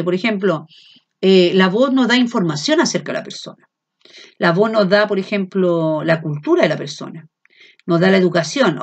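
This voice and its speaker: A woman with a Chilean accent teaches a lesson in a loud but never shouting voice. She keeps checking that her students follow and fills her pauses with short hesitation sounds. The recording is dull and lo-fi, and her voice sits at a middle pitch. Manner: frequent checks of "¿ya?" and fillers; speaks loud without shouting. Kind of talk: classroom lecture.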